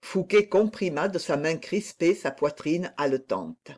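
An audiobook narrator reading a classic novel in a measured, unhurried way. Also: mid-range voice, a little mellow.

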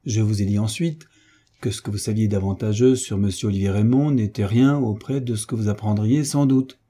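A man voicing a calm, patient hunchbacked marquis in an audiobook, explaining things soothingly. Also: lowish voice, brisk, slightly rough.

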